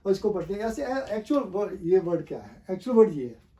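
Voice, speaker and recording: A man teaching a pronunciation lesson. He asks the viewer questions, repeats the answers, and talks slowly and deliberately with frequent pauses to think. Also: sits high, sing-song, warm tone. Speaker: language teacher.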